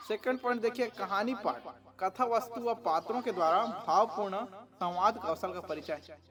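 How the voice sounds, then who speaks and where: A male teacher explaining a school assignment to students, often asking questions and answering them himself, with frequent checks like "okay?". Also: sits high. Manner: keeps checking with tag questions; asks and answers his own questions.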